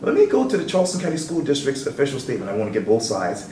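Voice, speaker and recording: A man hosting a local TV interview, asking questions in a measured way and reading an official statement aloud. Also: medium pitch, wildly swooping pitch, warm tone, reverberant, recorded from a distance, slight background noise, low-quality recording. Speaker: interviewer and show host.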